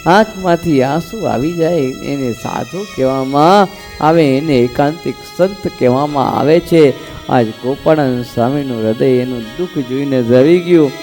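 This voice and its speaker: A man's voice: medium pitch, warm tone. A man, a swami, giving a devotional sermon, telling a story with rhetorical questions and acting out the dialogue. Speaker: swami giving a scripture discourse.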